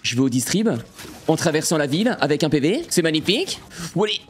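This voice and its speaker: A young man giving excitable gameplay commentary to his viewers, breaking into sudden frustrated outbursts. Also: on the high side, a little fast, a little hiss or hum. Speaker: gaming streamer.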